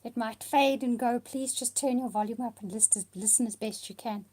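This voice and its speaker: A woman presents her weekly tarot reading despite a cold and a partly lost voice, talking softly and at times slipping into a whisper. She speaks with a fairly high pitch at a moderate pace.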